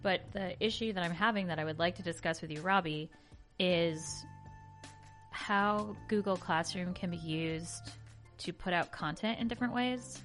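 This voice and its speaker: A woman's voice: on the low side, normal speed, a bit bright, soft background music. A woman co-hosting a podcast in casual, rambling and playful chat. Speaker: podcast co-host.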